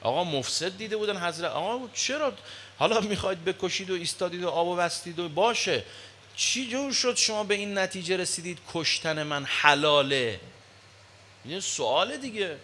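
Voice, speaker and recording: A man delivers a sermon with a bright, forceful voice pitched a little high. He swings from low murmurs to loud exclamations. A faint room ambience sits behind him. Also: lively intonation, slight background noise. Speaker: preacher.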